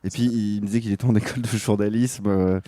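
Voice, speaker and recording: Mellow low-voiced podcast host. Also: male voice, steady tone, fast talker, dry recording, studio quality. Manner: chatty, stammering restarts. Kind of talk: casual podcast interview.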